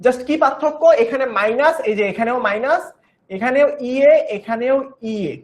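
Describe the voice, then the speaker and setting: A woman's voice: high voice, moderate pace. A young woman giving an online chemistry class, patiently repeating each step and coaxing her students along. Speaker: chemistry teacher.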